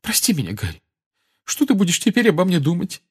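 A man voicing a distraught middle-aged mother witch who cries and pleads in a high, shaky voice, in an audiobook. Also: measured pace, a little mellow. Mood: tearful. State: crying. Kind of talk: audiobook character voice.

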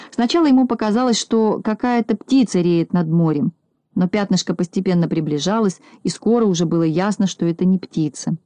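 A woman reading a children's storybook aloud in a calm, measured narration. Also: lowish voice, dry recording. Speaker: audiobook narrator.

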